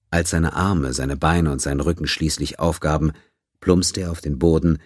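A man narrating a science-fiction audiobook in a steady, even storytelling manner. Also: rumbling low, slightly rough, dry recording, clean studio sound.

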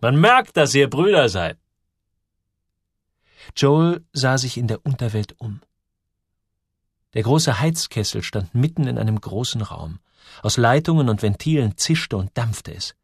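A man narrating an audiobook in an expressive reading voice. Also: mid-range voice, unhurried, slightly rough, no echo, studio quality.

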